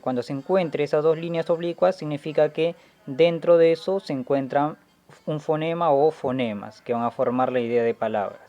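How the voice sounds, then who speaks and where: A man gives a patient classroom explanation, slowing down to sound out each letter aloud. His voice sits a little high but has a warm, mellow tone. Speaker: language teacher.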